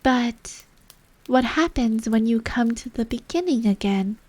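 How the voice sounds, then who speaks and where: Woman as Alice, a polite, higher-voiced curious girl. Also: animated, measured pace, darkish tone, no room sound. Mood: thoughtful. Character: polite, curious young girl, easily puzzled.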